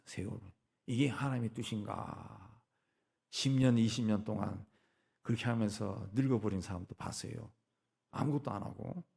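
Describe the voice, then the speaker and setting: An older man, a pastor, preaching a folksy, animated sermon and acting out prayers. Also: on the high side, creaky, breathy edge.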